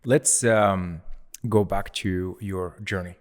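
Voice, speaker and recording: A man's voice: deep voice, fairly even intonation, takes it slowly. A man co-hosting a podcast, asking questions in a friendly, inquisitive way. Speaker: podcast co-host. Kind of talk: casual podcast interview.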